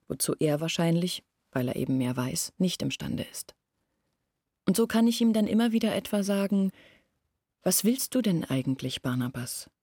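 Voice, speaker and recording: This radio-play village woman starts out explaining family secrets, then turns urgent and reproachful, her husky, low, dark voice fully in character. She speaks deliberately, occasionally near a whisper, and the recording is very close and dry.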